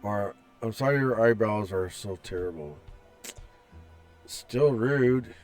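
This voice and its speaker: Slow-talking man reading a game aloud. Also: lowish voice. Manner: slow, chatty, reads text aloud with restarts. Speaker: gameplay narrator. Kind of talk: reading game text and commenting. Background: soft background music.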